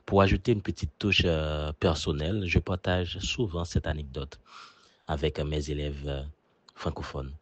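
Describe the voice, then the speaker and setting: A man with a Haitian accent speaks in a very deep, low voice with a husky grain. He talks in an earnest, measured way, like a teacher giving a prepared testimonial. The recording is close and dry. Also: dry recording. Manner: earnest, measured, with occasional fillers. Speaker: teacher and journalist.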